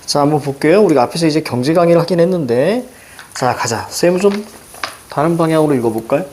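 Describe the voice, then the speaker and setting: A middle-aged man teaching a reading lesson, quizzing students with quick questions and a repeated "now". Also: a little high, lively intonation, darkish tone. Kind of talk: recorded lecture explaining a reading passage.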